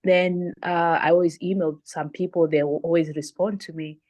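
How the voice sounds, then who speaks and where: A woman from Zimbabwe, speaking English as a second language, answers panel questions in a low voice. She talks in a halting, conversational way, restarting her sentences often. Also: little pitch movement, a little mellow. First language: not English. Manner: hesitant, with frequent restarts and fillers. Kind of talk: casual conversational interview answers.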